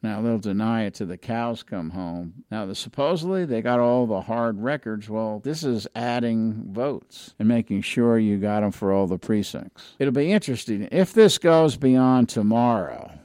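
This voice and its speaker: A man's voice: on the low side, moderate pace, hardly any pauses, mellow, clear, resonant tone, no room sound, studio quality. A man giving solo political commentary in an opinionated, emphatic way, with frequent restarts.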